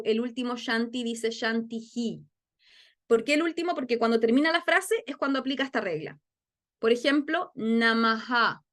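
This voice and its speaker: A woman's voice: on the high side, fairly bright tone. A young woman, teaching a webinar lesson on a video call, explaining patiently and often checking with "ok?". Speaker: yoga and Sanskrit phonetics teacher.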